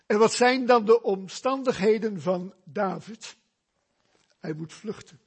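Pastor guy preaching, high voice, takes his time, lots of rhetorical questions. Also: expressive, measured pace, breathy edge. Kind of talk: sermon.

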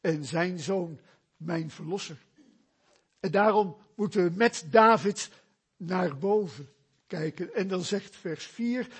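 Pastor guy preaching, high voice, takes his time, lots of rhetorical questions. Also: husky. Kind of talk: sermon.

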